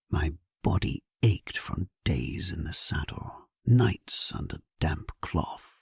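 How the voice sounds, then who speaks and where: A man voicing a grave, pious medieval English warrior king, reflective and measured, in a first-person sleep story. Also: low-pitched, breathy edge, no echo, clean studio sound, exaggerated voice. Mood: hushed, reflective.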